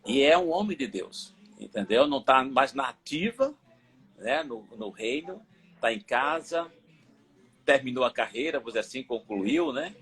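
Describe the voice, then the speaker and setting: A middle-aged man, a pastor telling his testimony as a guest, animated and repeating words for emphasis. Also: mid-range voice, moderate pace, gravelly, breathy edge. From Aracaju, Brazil. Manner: animated storytelling, emphatic repetition. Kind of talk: personal testimony in a live interview.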